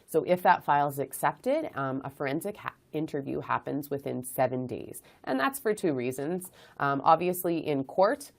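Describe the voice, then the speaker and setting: A woman's voice: deep voice, expressive, normal speed, vocal fry, few pauses. A woman hosting an informational webinar, explaining her program steadily with frequent ums. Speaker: webinar host, child advocacy director.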